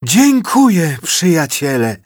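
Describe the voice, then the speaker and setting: A man's voice: fairly high pitch, very animated, slow, darkish tone, no echo, clean studio sound, pitched above the performer's own voice, full character voice. A man voicing a frightened, whimpering wild boar in a children's storybook. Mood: relieved. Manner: whimpering, pleading.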